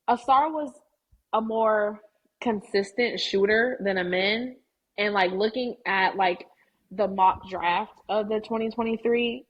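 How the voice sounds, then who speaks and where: Husky-voiced young woman guest. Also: mid-range voice, muffled recording. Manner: chatty, opinionated, uses "like" often. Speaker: podcast guest. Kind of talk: casual chat.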